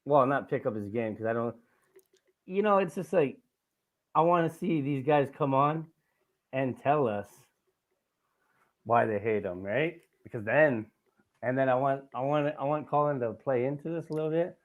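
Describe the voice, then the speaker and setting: A man hosting a casual comedy podcast over a call, with a voice in the ordinary middle range. He teases his guest with crude, loud jokes and keeps breaking into laughter. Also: medium pitch, normal speed, long pauses, phone-quality sound. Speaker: podcast host.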